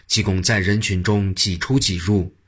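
A man narrating a traditional story with a lively, vivid manner. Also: sits low, moderate pace, breathy edge.

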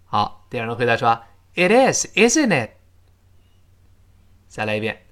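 An English teacher, explaining pronunciation and leading slow repeat-after-me drills. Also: medium pitch, sing-song. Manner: slow, exaggerated modelling of English phrases between explanations.

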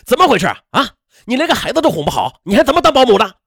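A man's voice: very high-pitched, sing-song, rapid-fire, gravelly, fairly bright tone, husky, dry recording, clean studio sound, voice pushed up, heavily acted. A man voicing an angry young husband who barks and scolds. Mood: furious. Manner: barking, scolding.

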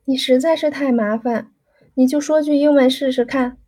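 A woman's voice: high voice, steady tone, moderate pace, mellow. A woman doing a shy, coy young girl. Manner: coy, laughing off the question. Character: shy, teasing young woman being courted.

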